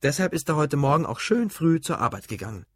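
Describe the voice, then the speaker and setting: A man voicing an irritable grown man who shouts at his family, loud and blustering, in an audiobook reading. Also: fairly high pitch, big pitch swings, fast talker, dry recording, studio quality, voice pushed up. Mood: defensive.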